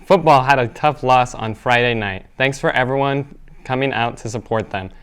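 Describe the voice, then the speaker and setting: A man's voice: mid-range voice, moderate pace, clean tone. A teenage boy anchoring a student newscast, reading school announcements steadily with small slips. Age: teens. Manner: steady read-aloud delivery with small slips. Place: school studio.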